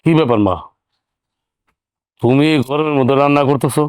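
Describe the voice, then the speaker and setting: A man's voice: mid-range voice, fairly even intonation, brisk, darkish tone, slight background noise, close to an everyday voice. An actor playing an argumentative young man who questions his family indignantly, speaking. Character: earning younger son, hot-headed and argumentative. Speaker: younger brother-in-law. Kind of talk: TV drama acting.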